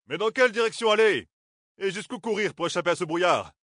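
A man's voice: sits high, lively intonation, fast, fairly bright tone, no room sound, studio quality, voice pushed up. A man reading an audiobook, voicing an anxious young nobleman who asks urgent, worried questions.

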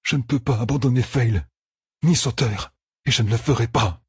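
A man voicing a desperate young man who shouts in anguish, in a fantasy audiobook. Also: mid-range voice, moderate pace, husky, no room sound, studio quality, pitched above the performer's own voice. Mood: defiant.

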